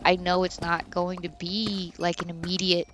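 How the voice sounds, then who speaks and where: A woman's voice: lowish voice, level tone, normal speed, fairly bright tone, slight background noise. A woman in her thirties streaming a game, chatting candidly and rambling with many fillers. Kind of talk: casual chat while streaming a game.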